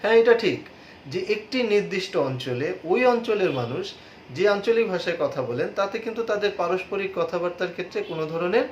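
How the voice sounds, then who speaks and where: A middle-aged male college teacher giving a class lecture, explaining earnestly to his students with frequent filler pauses. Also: high-pitched, lively intonation, slight background noise. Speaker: assistant professor of Bengali, teacher. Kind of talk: recorded online class lecture. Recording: echoey room, dull lo-fi audio.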